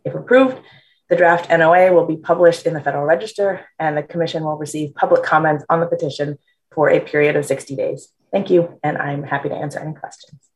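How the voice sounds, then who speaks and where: A woman's voice: sits low, steady tone, quick pace, poor audio. A woman reading a scripted, formal briefing as a government staff presenter.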